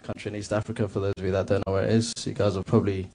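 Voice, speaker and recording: A man from Somalia performing a stand-up comedy set on a club stage, with a dry, low-key delivery and hesitant fillers. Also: level tone, racing, warm tone. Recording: noisy live club recording.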